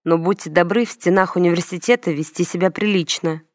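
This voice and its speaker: A woman's voice: fairly low pitch, steady tone, a little fast, dry recording, clean studio sound, close to an everyday voice. A woman reading the lines of a stern gray-haired male university dean in an audiobook. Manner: stern, lecturing.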